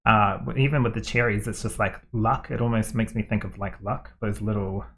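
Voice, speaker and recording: A man's voice: lowish voice, fairly even intonation, brisk, fairly bright tone. A man giving a tarot reading, talking in a rambling, hesitant way with many fillers and restarts. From New Zealand. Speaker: tarot card reader.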